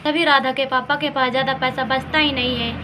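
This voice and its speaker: A woman's voice: high-pitched, little pitch movement, fairly quick, background noise. A woman narrating a simple village story with dolls, in plain storytelling.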